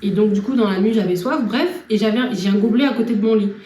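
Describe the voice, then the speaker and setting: A young woman vlogger telling a personal story in an animated, laughing way. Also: mid-range voice, fast, a little hiss or hum. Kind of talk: storytelling vlog. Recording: echoey room from far off, faint music.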